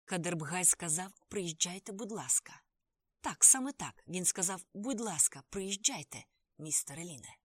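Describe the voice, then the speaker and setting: Brief: gruff male driver, sullen, stiffly polite, low and quiet, as a woman narrator puts him on. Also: expressive, moderate pace, no echo, clean studio sound.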